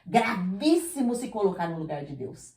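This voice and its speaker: A woman's voice: mid-range voice, big pitch swings, moderate pace, darkish tone. A woman preaching to a women's group, emphatic, often checking that her listeners follow and acting out little dialogues. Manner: emphatic, asks listeners "entendeu?", acts out dialogues. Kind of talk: sermon. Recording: echoey room.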